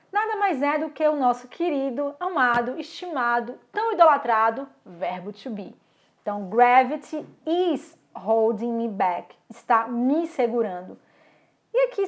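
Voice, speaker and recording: A woman with a Brazilian accent teaching English through song lyrics, reading out English lines slowly and demonstrating pronunciation. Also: a little high. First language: Portuguese. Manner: slow, deliberate explanations, sounds out English words and lyric lines.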